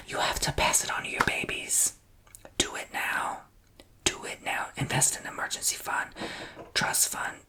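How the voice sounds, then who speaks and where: A woman tarot reader delivers a sassy, blunt reading almost entirely in a whisper, which often rises into a whisper-shout. She speaks unhurriedly and pauses often.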